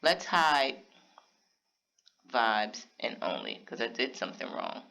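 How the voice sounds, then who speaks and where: Bright-voiced man walking through a craft tutorial. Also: mid-range voice, very animated, slow pace, creaky. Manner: casual step-by-step explaining, talks to viewers directly. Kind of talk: screen-recorded software tutorial narration.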